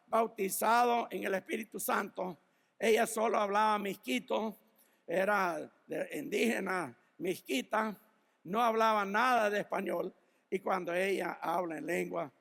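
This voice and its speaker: A man's voice: high voice, creaky, fairly bright tone, in a large hall. A man preaching a sermon as pastor, reading Bible verses and telling stories, sometimes laughing at them. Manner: storytelling, laughs at his own stories; reads Bible verses then applies them to the listeners.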